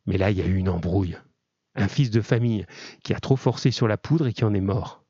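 A man's voice: on the low side, fairly quick, dark tone, breathy edge, dry recording, lo-fi sound. A man reading as a boastful young convict. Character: young male convict, streetwise gang boy.

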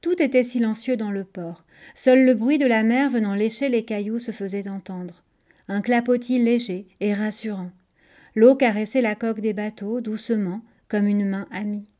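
A woman narrating a storybook in an expressive, measured way. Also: a little high. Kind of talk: storybook reading.

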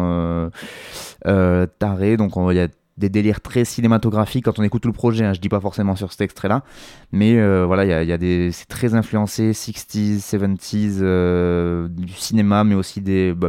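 A man's voice: deep voice, warm tone, clear, resonant tone, no room sound, clean studio sound. A man hosting a music show, reviewing an album in a casual, hesitant way with many fillers and restarts.

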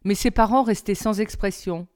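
A woman reads a novel aloud as a teacher, in calm, even storybook narration. Her voice is smooth and clear, sitting at a middle pitch. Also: moderate pace.

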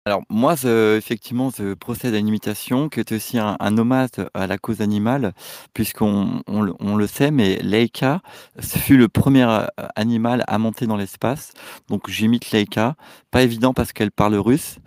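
A man playing along deadpan and evasive as a guest in a comedy sketch. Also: fairly low pitch, normal speed, no room sound, clean studio sound.

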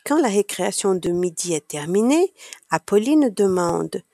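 A woman narrating a children's story aloud, slowly and expressively for small children. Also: medium pitch, big pitch swings, vocal fry, dark tone, no room sound, clean studio sound.

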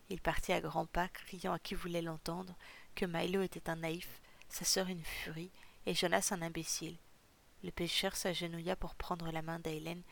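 A woman narrating a storybook chapter with measured, steady storytelling. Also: fairly low pitch, gravelly. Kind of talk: audiobook narration.

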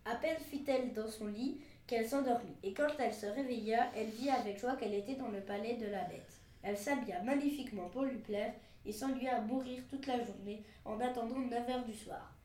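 A woman narrating a fairy tale aloud in a steady, measured reading voice. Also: fairly high pitch, distant mic. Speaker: storyteller. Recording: echoey room, voice from afar.

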